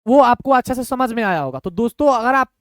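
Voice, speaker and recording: Guy teaching hindi reading, very high smooth voice, sounds out each syllable slow and patient. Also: expressive, no echo, clean studio sound. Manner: slow, patient, breaks words into syllables, repeats "thik hai". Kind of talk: online lesson, syllable-by-syllable reading.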